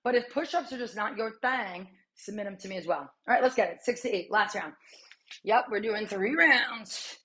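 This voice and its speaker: A woman's voice: medium pitch, moderate pace, bright, forceful tone. A woman in her thirties coaching a strength workout while exercising, chatty and encouraging, with sighs and short breaths between cues. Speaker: fitness coach.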